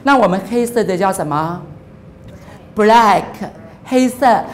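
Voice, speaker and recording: A woman in her forties teaching English phonics on television, upbeat and full of praise. She models each sound with drawn-out repeats and mixes English words into her talk. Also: medium pitch, lively intonation. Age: 40s.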